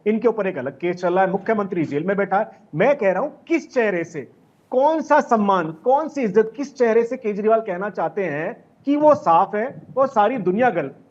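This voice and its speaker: High-voiced man in heated debate, dull audio. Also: expressive, a little fast, few pauses, a little mellow. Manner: insistent, accusatory, piles up rhetorical questions and repeated lists. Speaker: political party spokesperson on a TV debate.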